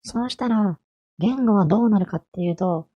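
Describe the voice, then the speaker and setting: A woman's voice: mid-range voice, brisk, dark tone, breathy edge, muffled recording. A woman in her twenties giving a chatty, friendly explainer lesson on language, asking her listeners rhetorical questions. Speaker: language vtuber.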